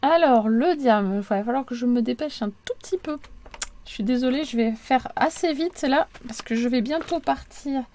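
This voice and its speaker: A woman's voice: high voice, moderate pace, warm tone, slight background noise. A woman giving an informal, step-by-step craft tutorial, chatty and a little apologetic, often repeating and checking herself.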